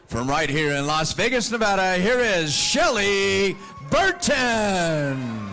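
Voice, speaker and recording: A man working as a boxing ring announcer, formally introducing fighters with theatrical, drawn-out delivery at a live event. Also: high voice, big pitch swings, music in the background.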